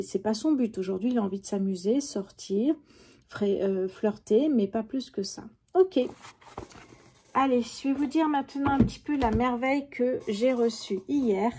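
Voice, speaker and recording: A woman's voice: a little high, mellow, breathy edge. A middle-aged woman, chatting casually to viewers during a tarot reading, full of fillers and asides. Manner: chatty, addresses viewers directly, many fillers. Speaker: tarot reader.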